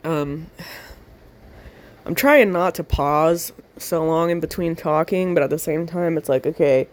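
A woman talking close into a handheld voice recorder for her audio diary, rambling and swearing freely. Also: sits low. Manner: rambling, profane, slow with long pauses. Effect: handheld voice recorder held to the mouth. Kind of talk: casual spoken audio diary.

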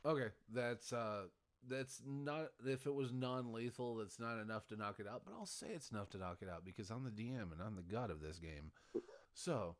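A man's voice: on the low side, normal speed. A man running a tabletop game as game master, rambling and correcting himself, laughing often.

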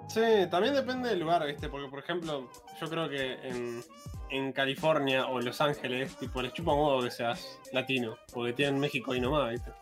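A man's voice: mid-range voice, brisk, over music. A young man with an Argentine accent, chatting casually and slangily with friends, often restarting his sentences. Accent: Rioplatense Argentine Spanish. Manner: slangy, restarts often, says boludo a lot. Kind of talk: casual chat.

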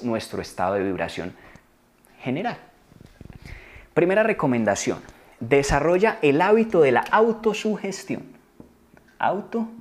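A man's voice: fairly high pitch, a little mellow. A man giving an earnest motivational self-help talk to camera, coaching viewers and repeating key phrases for emphasis. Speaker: motivational video maker.

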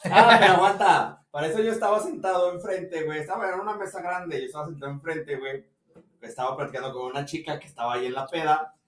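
High-voiced Mexican man, slangy and echoey. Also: quick pace, fairly bright tone, distant mic, a little hiss or hum. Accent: Mexican Spanish. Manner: loose, slangy, peppered with fillers. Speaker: podcast co-host. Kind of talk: casual storytelling chat. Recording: echoey room, voice a bit off-mic.

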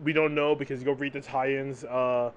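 A podcast co-host chats casually about comic books, tagging his sentences with "right?" and laughing often between points. His mid-range voice has a flat delivery and a moderate pace. The recording cuts off the highs and carries slight background noise.

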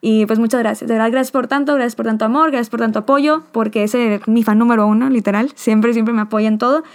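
A woman's voice: on the high side, steady tone, fast talker, clean tone. A young woman hosting a podcast, talking heartfelt and rambling. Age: young adult. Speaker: podcast host. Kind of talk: emotional podcast chat.

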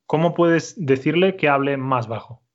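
Male language teacher, patient and clear, a bit high-pitched, muffled recording. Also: lively intonation. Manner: patient, slow and clear, repeats answers. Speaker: Spanish teacher. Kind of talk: conversational language lesson.

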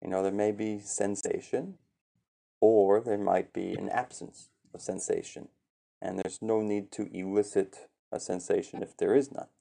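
A man leading a meditation session in a calm, gentle teaching voice with some fillers. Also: fairly low pitch, a little slow, creaky. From USA. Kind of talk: calm guided meditation talk.

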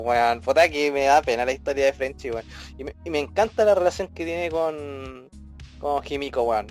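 A man with a Chilean accent co-hosting a podcast, telling stories in lively, slang-heavy casual chat. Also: mid-range voice. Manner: animated storytelling full of slang, acting out scenes. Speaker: podcast co-host.

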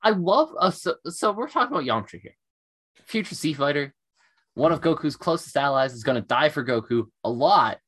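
A man's voice: fairly high pitch, lively intonation, normal speed, fairly bright tone, slightly rough. Rambling enthusiastic man podcaster. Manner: rambling, many fillers; enthusiastic, self-deprecating. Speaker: podcast co-host. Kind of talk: casual chat.

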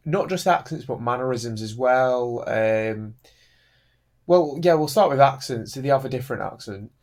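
A man's voice: medium pitch, expressive, moderate pace, darkish tone. A man with a northern English accent hosting a casual podcast, joking, swearing and asking follow-up questions. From northern England. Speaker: podcast host.

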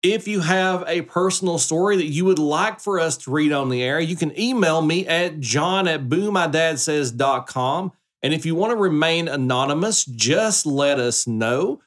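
A man's voice: on the high side, normal speed, hardly any pauses. A middle-aged man hosting a casual podcast with his son, talking in a folksy, joking way. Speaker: podcast host, dad.

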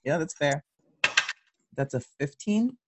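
A woman's voice: sits low, animated, slow pace, reverberant, background noise. A woman playing in a tabletop game, speaking casually and offhandedly. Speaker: player.

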